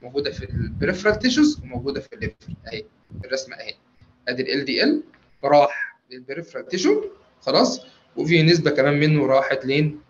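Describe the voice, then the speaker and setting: An Egyptian man with a slightly high voice rattles through a medical lecture at a fast clip. He keeps asking his listeners questions and answering them himself. The recording is dull and lo-fi, with a faint hiss underneath. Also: big pitch swings. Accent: Egyptian Arabic.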